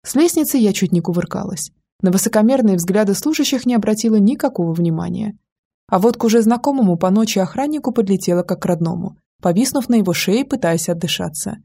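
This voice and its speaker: Brief: female audiobook narrator, warm and breathy, lively first-person storytelling. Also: medium pitch, quick pace. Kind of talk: scripted narration.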